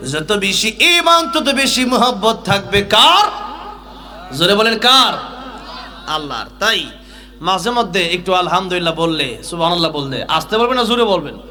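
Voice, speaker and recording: High bright-voiced man preaching a sermon. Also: expressive, normal speed, soft background music. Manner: sings melodic refrains, urges the crowd to shout along. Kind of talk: Bengali waz sermon, chanted and sung.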